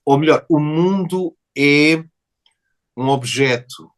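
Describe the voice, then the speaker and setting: A man's voice: a little high, slow pace. A man with a European Portuguese accent hosting an interview, reasoning aloud in a discursive, philosophical way. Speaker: host interviewer. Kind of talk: interview conversation.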